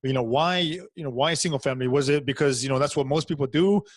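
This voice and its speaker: A man's voice: mid-range voice, fast talker, dry recording. Chatty male podcast host. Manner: friendly, hesitant, many fillers. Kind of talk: podcast interview.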